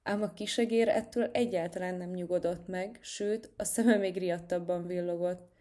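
Mellow-voiced woman reading a children's story. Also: fairly low pitch, fairly even intonation. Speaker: narrator.

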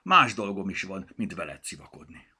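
A man voicing an earnest young male elf in a children's storybook, a gentle searcher of lost things. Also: sits low, sing-song, breathy edge, heavily acted. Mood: annoyed.

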